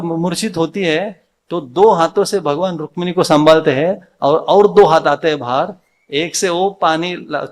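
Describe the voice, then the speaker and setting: A man with an Indian accent giving a devotional Sunday sermon in a temple hall, mixing in English words and asking his listeners questions that he answers himself. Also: on the high side. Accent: Indian, mixing Hindi with English words. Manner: asks the audience questions and answers them himself.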